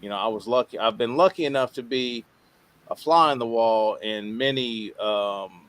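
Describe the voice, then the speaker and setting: A man talking casually as a podcast guest, halting and rambling as he repeats himself, with informal swearing. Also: medium pitch, fairly bright tone, no room sound. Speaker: podcast guest, radio show co-host. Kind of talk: casual interview talk.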